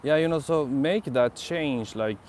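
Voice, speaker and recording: A young Swedish man, a vlogger from Sweden with a Swedish accent, chats casually on a live stream from a city park, musing in a rambling, reflective way and answering viewers' comments. His mid-range voice is unhurried and darkish in tone, with slight background noise.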